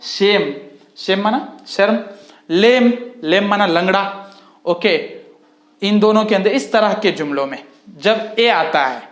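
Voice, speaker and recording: A man, teaching English vowel sounds in a slow lesson and repeating each word with "okay" and "friends". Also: high-pitched, echoey room. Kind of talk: spoken phonics lesson.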